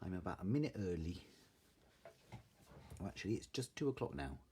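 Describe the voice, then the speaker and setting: Man, very lively, swooping intonation. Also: sits low, fairly quick, a little hiss or hum. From Salisbury, southern England. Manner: chatty, informal. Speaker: craft live stream host. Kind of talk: casual live stream chat, greeting viewers.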